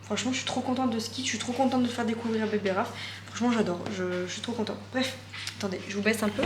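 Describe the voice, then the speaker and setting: A woman's voice: a little high, steady tone, fast talker. A young woman chatting casually in a vlog at home, enthusiastic and rambling with many fillers and repetitions. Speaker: vlogger. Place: at home, indoors. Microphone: phone or camera close by. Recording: echoey room with background noise.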